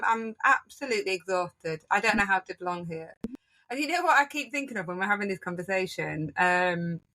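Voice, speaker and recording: A Yorkshire woman hosts a podcast interview in a chatty, reflective way, often restarting her sentences. Her medium-pitched voice is bright and forceful, and the recording is rough.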